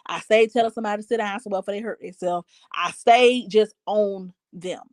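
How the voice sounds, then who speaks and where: A woman's voice: medium pitch, brisk, darkish tone, no echo. A woman host giving frank casual commentary on parenting and reading viewer comments aloud.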